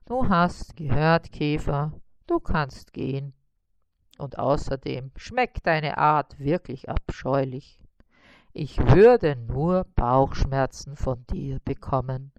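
A woman reading a storybook aloud and voicing a large, hungry male spider in a low, grumbling voice. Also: expressive, slow pace, darkish tone, no room sound, full character voice.

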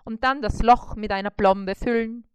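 A woman voicing a scrawny male mosquito dentist who is brisk, polite and reassuring. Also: a little high, steady tone, smooth, dry recording, pitched above the performer's own voice, close to an everyday voice. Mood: businesslike.

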